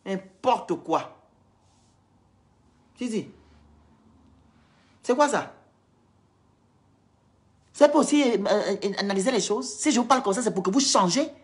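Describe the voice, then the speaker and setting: A woman's voice: medium pitch, lively intonation, measured pace, pauses often. A woman from Gabon, scolding and lecturing her viewers in a heated, repetitive live-stream rant.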